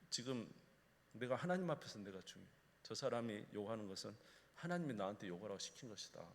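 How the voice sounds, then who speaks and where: A man's voice: on the low side, creaky, slight background noise. A male pastor preaching a sermon, emphatic and often asking the congregation questions. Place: church sanctuary. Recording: echoey church hall.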